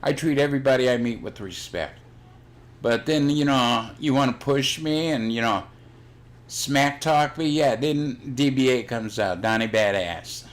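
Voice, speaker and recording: A man's voice: medium pitch, unhurried. An older man chatting casually on his own livestream, blunt and rambling, swearing freely. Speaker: livestream host. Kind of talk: casual chat.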